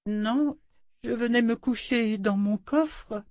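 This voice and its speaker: A man voicing a frightened little servant girl in a storybook reading, pleading in a small high voice. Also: slow pace, a little mellow, no room sound, studio quality. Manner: whimpering then threatening. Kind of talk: storybook read-aloud voice.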